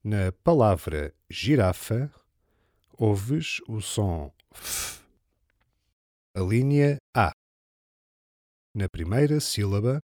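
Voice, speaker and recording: A man with a European Portuguese accent, slowly reading listening-test instructions and answer options. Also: fairly low pitch, darkish tone, dry recording, clean studio sound. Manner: slow, deliberate, instructional. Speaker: exam narrator. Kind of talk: scripted narration of a listening test.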